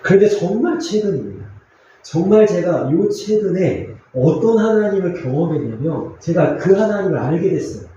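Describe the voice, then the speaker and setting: A man pastor preaching a sermon in a church, earnest and confessional, with pauses and fillers. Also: high voice, sing-song, mellow, heavy reverb, highs cut off, a little hiss or hum. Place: church sanctuary.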